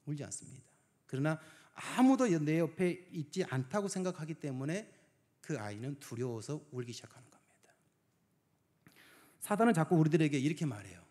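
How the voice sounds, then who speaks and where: A male pastor preaching a sermon. He swings between hushed, near-whispered phrases and loud emphasis, and asks the congregation many rhetorical questions. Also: a little high, expressive, moderate pace.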